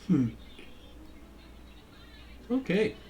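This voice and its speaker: Slow, halting man narrating a tabletop game. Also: warm tone, a little hiss or hum. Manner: halting, repeats words as he improvises. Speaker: game master.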